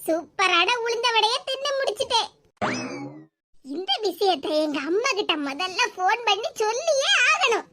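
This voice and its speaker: Woman voicing a squeaky smug young cartoon wife. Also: very animated, normal speed. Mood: gleeful. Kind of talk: cartoon voice acting. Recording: loud background hiss.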